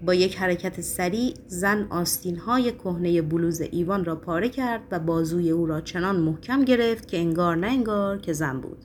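A woman narrating an audiobook in an expressive, dramatic reading style. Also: medium pitch, a little hiss or hum.

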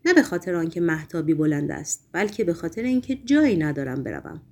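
A woman reading aloud as a nervous, gentle middle-aged male hospital patient who talks in a fussy, reproachful, hushed way, in an audiobook. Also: low voice, sing-song, pitched below the performer's own voice, full character voice. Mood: fretful.

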